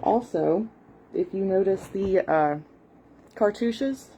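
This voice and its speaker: A woman's voice: mid-range voice, slow pace, dark tone, slight background noise, low-quality recording. A Southern woman in her late forties or older, chatting casually at home and walking viewers through the pictures in a book, with lots of fillers and apologies. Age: at least late 40s. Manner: shows a book page and walks viewers through it. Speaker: history hobbyist host. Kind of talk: casual rambling explanation. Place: home, cat nearby.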